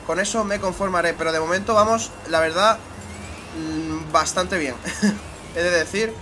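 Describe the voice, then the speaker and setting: A man's voice: high-pitched, normal speed, background noise. A young man with a Spain Spanish accent commentating his own racing game, muttering asides and breaking into exasperated swearing. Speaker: gaming channel host. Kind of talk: let's play commentary.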